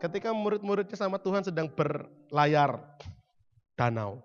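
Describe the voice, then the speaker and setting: A man preaching a sermon, telling stories dramatically and swinging from quiet to loud. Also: on the high side, animated, normal speed, lo-fi sound, faint music behind. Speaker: pastor.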